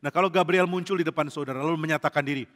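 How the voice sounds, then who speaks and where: Man, pastor, animated sermon, slightly high voice, long hall echo. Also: rapid-fire. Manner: animated, acts out quotes and jokes with the congregation. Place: large church hall. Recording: church hall reverb.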